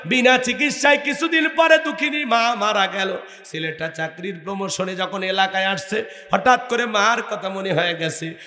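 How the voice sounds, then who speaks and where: A preacher tells his story in a high, bright, melodic chant that swells into tearful exhortation. His voice rings through a large echoey hall with a long reverb tail. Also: normal speed. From Bangladesh. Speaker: Islamic preacher. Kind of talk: emotional sung sermon.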